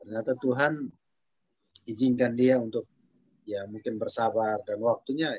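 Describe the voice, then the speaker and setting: A man's voice: medium pitch, measured pace, darkish tone, husky, dry recording. A man who is a pastor, earnestly recounting a story to a church group with quoted dialogue. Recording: dull dry sound.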